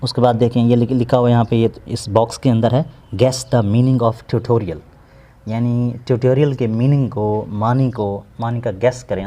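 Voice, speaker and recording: A man's voice: fairly low pitch, dark tone. A man teaching an English lesson, patiently glossing each word and repeating it. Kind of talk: explaining an English textbook lesson.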